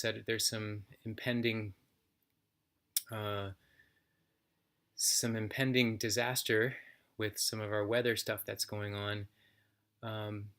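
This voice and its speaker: A man, a yoga teacher, reading a daily passage aloud and then reflecting on it in a calm, unhurried way. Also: on the low side. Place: yoga center, indoors.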